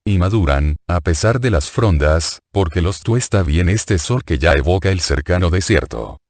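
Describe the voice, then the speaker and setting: A man narrating religious prose as an audiobook in a measured, solemn way, recorded on a close mic. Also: low voice, lively intonation, a little mellow, no echo.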